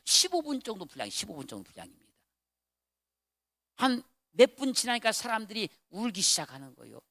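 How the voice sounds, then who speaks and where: Impassioned Korean revival preacher, wildly swinging voice. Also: male voice, high-pitched, dry recording. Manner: swings from hushed murmurs to shouted exclamations. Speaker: pastor. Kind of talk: revival sermon. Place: prayer retreat hall.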